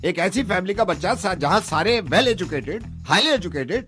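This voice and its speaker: A man putting on a loud, boastful, half-educated father who speaks broken English and repeats himself. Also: sits high, animated, a little slow, soft background music. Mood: outraged.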